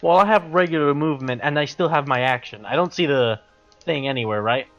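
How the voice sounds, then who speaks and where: A man's voice: a little high, brisk, fairly bright tone, dull audio, faint music behind. Easygoing man asking about game rules. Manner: easygoing, asks rules questions. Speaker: player. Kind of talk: casual tabletop play.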